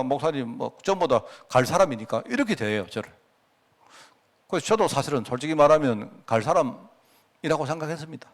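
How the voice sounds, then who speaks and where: A middle-aged man with a Gyeongsang Korean accent preaching a conversational prayer-meeting sermon, telling stories with frequent asides to the congregation. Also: a little high. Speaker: pastor.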